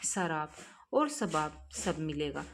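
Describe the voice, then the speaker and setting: A woman's voice: low voice, expressive, slow, slight background noise, exaggerated voice. A woman voicing a scheming young man who gloats crudely to his friends. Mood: gloating.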